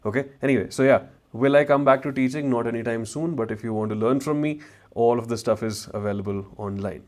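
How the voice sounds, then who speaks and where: Man, north Indian accent, medium pitch, informal livestream Q&A, chatty, mixes English with Hindi slang, wireless mic. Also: fast talker. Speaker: travel vlogger and former chemistry teacher hosting a livestream. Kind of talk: casual livestream chat answering viewers' questions.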